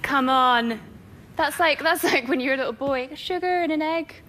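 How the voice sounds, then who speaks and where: Giggly high-voiced young woman. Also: moderate pace, heavy background noise. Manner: giggly, self-mocking storyteller. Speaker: talk show guest. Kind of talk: chatty anecdotes.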